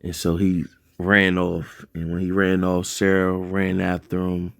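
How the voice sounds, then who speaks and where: A man's voice: low voice, monotone, unhurried, vocal fry, a bit bright, no room sound. A man casually recapping a TV episode, rambling loosely with lots of fillers and self-corrections.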